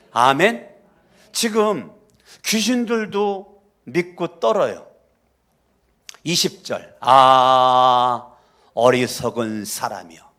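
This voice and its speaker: A man's voice: fairly high pitch, fairly bright tone. A male pastor preaching a sermon in an emphatic, scolding way, with many rhetorical questions.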